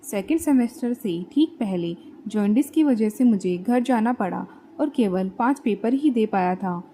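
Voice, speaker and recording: Warm-voiced woman narrating a comic story. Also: mid-range voice, lively intonation, measured pace, a little hiss or hum. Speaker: audiobook narrator.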